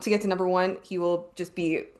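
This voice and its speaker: A woman's voice: on the low side, little pitch movement, a little mellow. A woman hosting a casual sports podcast, reading out stats, stopping to correct herself and laughing along. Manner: reads numbers haltingly, self-corrects, laughs often.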